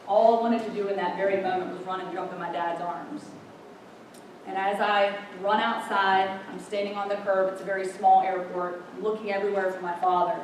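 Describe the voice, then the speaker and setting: A woman's voice: medium pitch, darkish tone, slight background noise. Young woman telling her story, earnest and emotional, sounds far off in a big echoey hall. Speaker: speaker sharing her story. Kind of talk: personal storytelling talk.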